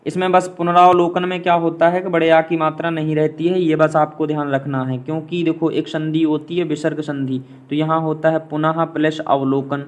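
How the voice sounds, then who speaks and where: A man teaches exam spelling, his voice fairly high and held to a narrow, even pitch. He works through questions steadily and repeats each point as a quick question he answers himself. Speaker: exam-prep Hindi teacher. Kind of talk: classroom-style explanation of quiz answers.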